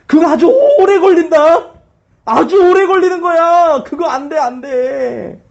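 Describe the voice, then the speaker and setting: A pastor voicing a mocking male devil who taunts with drawn-out, jeering questions. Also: very high voice, creaky, lo-fi sound, voice pushed up, exaggerated voice.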